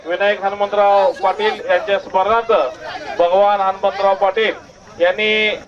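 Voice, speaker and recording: A man over a loudspeaker at an outdoor wrestling ground, formally reading out donors' names. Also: high-pitched, moderate pace. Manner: formal, steady listing of names. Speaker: event announcer. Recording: muffled PA sound over a crowd. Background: crowd noise.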